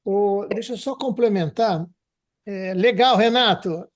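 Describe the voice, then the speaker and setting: High-voiced Brazilian man asking questions. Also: a little slow. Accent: Brazilian Portuguese. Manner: friendly, asks questions. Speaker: participant on the call. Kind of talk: casual chat on a group call.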